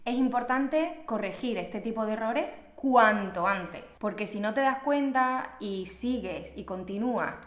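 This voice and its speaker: A young woman from Extremadura with an Extremaduran Spanish accent, teaching in a chatty, playful, self-mocking way. Her voice sits at an ordinary middle pitch. It rings in an echoey room. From Extremadura, Spain. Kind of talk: casual teaching video.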